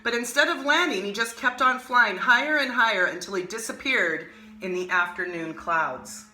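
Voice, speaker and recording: A woman hosting an art lesson, reading a picture book aloud with expressive, animated storytelling and casual asides. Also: medium pitch, moderate pace, echoey room, a little hiss or hum. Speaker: art teacher and host.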